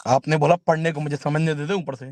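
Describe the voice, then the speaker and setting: Man, debate caller; fairly high voice, defensive and pleading for calm. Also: no room sound. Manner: defensive, pleading for calm, reads English haltingly. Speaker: caller in a live-stream debate. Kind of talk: live debate.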